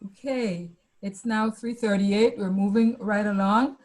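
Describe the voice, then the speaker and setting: A woman moderating a webinar, quietly thanking speakers and introducing the next one over a video call. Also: mid-range voice, fairly even intonation, measured pace. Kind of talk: hosting announcements.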